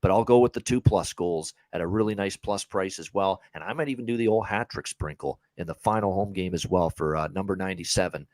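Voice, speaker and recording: A man's voice: low voice, a little fast, few pauses, a little mellow, dry recording, poor audio. A man hosting a sports betting podcast, talking casually through his picks with lots of filler words. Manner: chatty, many "uh" fillers, upbeat picks.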